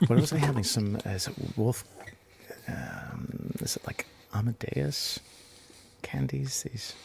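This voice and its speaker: A man chatting on an online stream, halting as he searches for words, over a noisy call line. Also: mid-range voice, lively intonation, gravelly. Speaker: guest. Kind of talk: casual online stream chat.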